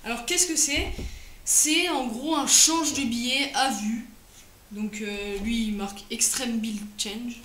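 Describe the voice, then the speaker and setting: High-voiced hesitant woman reviewer. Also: takes it slowly, sharp tone. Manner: hesitant, frequent fillers and restarts. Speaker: product reviewer. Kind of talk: casual video review. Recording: roomy echo, faint noise.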